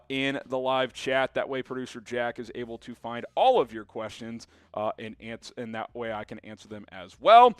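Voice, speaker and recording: A young man hosting a live sports talk stream, reading viewer comments aloud in an energetic, chatty way with plenty of fillers. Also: medium pitch, clean tone, dry recording, clean studio sound. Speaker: sports show host.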